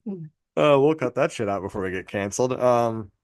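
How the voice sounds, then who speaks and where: A man co-hosts a podcast in a casual chat, rambling, swearing and laughing at his own jokes. His medium-pitched voice has lively intonation, a moderate pace and a slightly mellow quality, captured in clean studio sound with no room echo.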